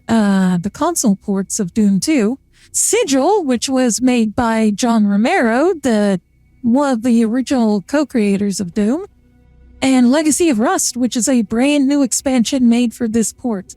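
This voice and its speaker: Talking through a voice changer that sounds feminine, a VTuber streamer chats about gameplay in a loose, rambling manner full of fillers. The mid-range voice is expressive, a little slow and mellow, captured in a dry recording.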